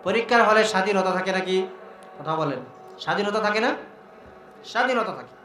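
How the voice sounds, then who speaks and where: A man's voice: high voice, expressive, moderate pace, pushed and bright. A male preacher with a Mymensingh Bengali accent giving a waz sermon, asking the crowd rhetorical questions. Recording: echoey hall with music.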